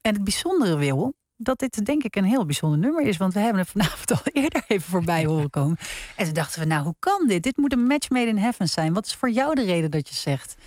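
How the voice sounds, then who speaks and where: A woman hosting a late-night radio interview in a studio, asking her guest questions in a conversational, gently probing way. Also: medium pitch, big pitch swings, quick pace, no room sound. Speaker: radio host. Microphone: studio microphone.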